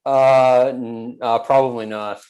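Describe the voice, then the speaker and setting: A young man answering interview questions as a student guest, dry and relaxed with some hesitation. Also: mid-range voice, slow, low-quality recording.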